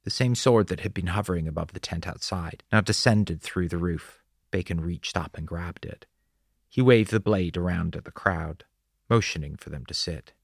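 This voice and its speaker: Deep gravelly male audiobook narrator. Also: no room sound, clean studio sound. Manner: measured, descriptive storytelling.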